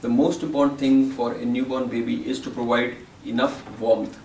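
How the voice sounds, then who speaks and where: A man acting as a medical educator, calmly summarizing newborn resuscitation steps one by one. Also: medium pitch, moderate pace, echoey room, recorded from a distance, slight background noise, low-quality recording. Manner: calm, step-by-step explaining. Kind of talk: teaching summary.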